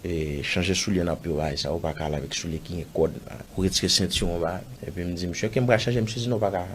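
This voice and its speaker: A man's voice: low voice, fairly even intonation, quick pace, slight background noise. A man with a Haitian accent recounting a personal story in an interview, rambling and acting out the dialogue. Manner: rambling, acts out dialogue, pepper of "bah" and "man". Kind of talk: casual spoken storytelling.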